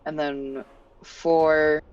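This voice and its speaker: Brief: slow, easygoing game player on muffled audio. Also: medium pitch, flat delivery, clean tone. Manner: unhurried, asks rule questions. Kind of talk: casual tabletop play. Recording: dull lo-fi audio.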